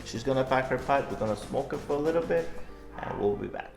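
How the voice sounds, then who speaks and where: A man's voice: mid-range voice, expressive, fast, gravelly. A man co-hosting a product review in casual, conversational chat. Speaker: co-host of a pipe tobacco review. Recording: echoey room, music in the background.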